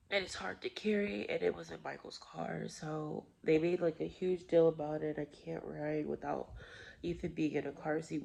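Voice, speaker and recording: A woman's voice: on the low side, gravelly. A woman vlogger talking in an emotional confession, upset and tearful as if she has been crying. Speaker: vlogger, mother. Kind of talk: emotional vlog confession to camera.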